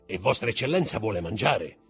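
A man voicing a sly brigand jailer who is mock-deferential and calmly serious, with a husky voice. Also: lowish voice, brisk, faint music behind, exaggerated voice. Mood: mock-polite.

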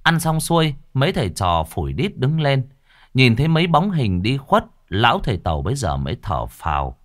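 A man narrating a ghost story in a dramatic, expressive way. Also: medium pitch, normal speed, dry recording, clean studio sound.

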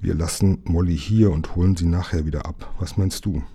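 An eager, curious young boy from a storybook, as a man reading aloud puts him on, asking questions with keen interest. The reader's own low, dark, husky voice stays under the boy's lines. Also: steady tone, fairly quick.

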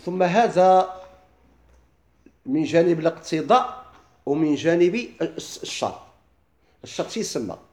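A middle-aged man with a Moroccan accent, teaching a classroom lesson. He keeps asking his listeners quick questions and then answers them himself. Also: on the high side, lively intonation, a little mellow, reverberant. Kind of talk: classroom lesson explaining legal theory.

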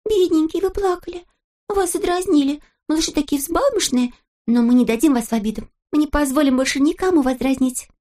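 Woman doing a very high cooing little girl. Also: brisk, dark tone, lightly acted. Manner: very high, cooing, then whispering.

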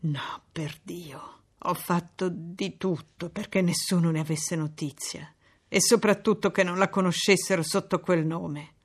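A woman's voice: on the low side, fairly even intonation, moderate pace, few pauses. A woman reading aloud and voicing a grim, bitter man, the master of the house.

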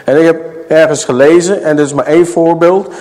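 A middle-aged man preaching a sermon in a church hall, asking his listeners questions and stressing words slowly. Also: on the high side, steady tone, darkish tone. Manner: questions the audience, dramatic slow emphasis.

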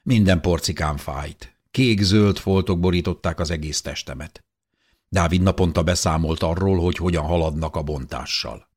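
A man reading a first-person audiobook narration in an expressive voice that rises with tension. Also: sits low, breathy edge.

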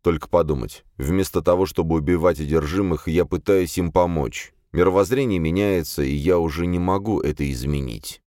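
A man narrating a first-person fantasy audiobook in a measured, wry tone. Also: deep voice, mellow, dry recording, studio quality.

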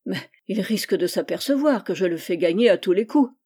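A woman's voice: mid-range voice, expressive, brisk, dark tone, husky. A woman reading the part of a modest, polite young working man in an audiobook.

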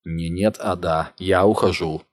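Man voicing a stubborn treasure-obsessed man, muttering, low, deep voice, audiobook thriller. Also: steady tone, unhurried.

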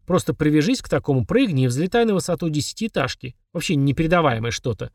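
A man reading a fantasy story aloud, lively, raising his pitch for the girl's lines. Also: quick pace, dry recording, clean studio sound, far from the mic. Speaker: audiobook reader. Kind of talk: scripted narration.

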